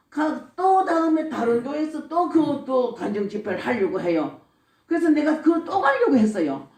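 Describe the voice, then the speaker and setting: Korean deaconess with a Gyeongsang accent, echoey and distant. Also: female voice, on the high side, darkish tone. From Gyeongsang region, Korea. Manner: asks herself questions and answers them, laughing often. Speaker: church deaconess giving testimony. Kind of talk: spoken testimony. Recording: echoey room, speaker far from mic.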